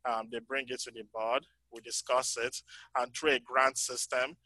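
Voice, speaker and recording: Male panel speaker, bright forward tone, dry close sound, halting delivery with frequent ums. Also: medium pitch, little pitch movement, dry recording, rough recording. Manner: halting, many ums, voice fading in and out. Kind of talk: conference breakout talk. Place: conference breakout room.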